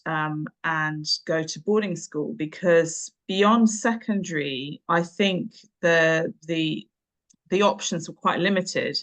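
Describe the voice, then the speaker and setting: A reflective woman in her fifties speaks slowly in a low-pitched voice, looking back on her career in a conversational way. She's an English teacher and tutor appearing as an interview guest, originally from Nairobi, Kenya, and educated at a boarding school in England.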